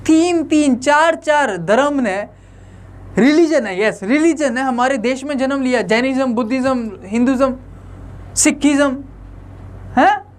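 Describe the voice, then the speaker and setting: A man's voice: very high voice, a little slow. A young man teaching an online lecture in a conversational way, often asking the viewers rhetorical questions.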